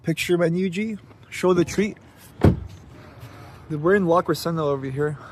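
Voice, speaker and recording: Slangy, higher-pitched man streaming amid vehicle noise. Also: unhurried. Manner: slangy, addresses viewers as bro and G. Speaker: live streamer. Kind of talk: casual live stream chat. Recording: noisy street and vehicle background.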